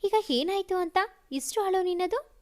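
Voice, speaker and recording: A woman doing a young husband in a read-aloud story, speaking a touch lower than her own bright voice. He sounds tender and coaxing, teasing his upset wife gently. The delivery stays close to a narrator's own high voice. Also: moderate pace.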